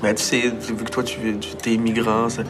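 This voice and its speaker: A young man with a Quebec French accent, a comedian guest in a casual radio conversation, telling stories in a lively, joking way. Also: medium pitch, fairly quick, music in the background. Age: young adult. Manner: animated, joking storyteller.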